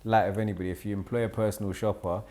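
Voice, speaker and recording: A man hosts a relaxed podcast conversation in a fairly low voice. He thinks out loud, sums up what his guest has said, and steers the talk toward the next question. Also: very fast. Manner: relaxed, reflective, summarises guest's points. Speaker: podcast host. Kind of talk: casual podcast interview.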